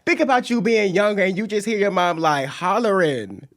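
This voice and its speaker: A man's voice: high voice, moderate pace. A man co-hosting a casual podcast, telling stories dramatically with lots of laughing. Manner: animated, dramatic storytelling with laughs. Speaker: podcast co-host.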